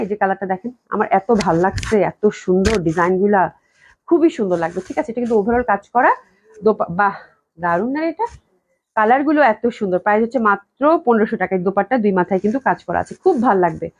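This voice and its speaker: With a medium-pitched, animated, slightly mellow voice, a woman talks fast over a little hiss or hum. She's a clothing shop owner running a live online dress sale from her office, gushing and repeating her praise as a cold she's recovering from keeps her coughing.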